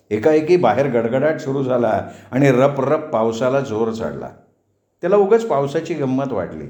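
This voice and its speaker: A male storyteller reads a village tale aloud in a steady, measured way. His voice sits at a middle pitch. The room around him is echoey. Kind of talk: scripted narration.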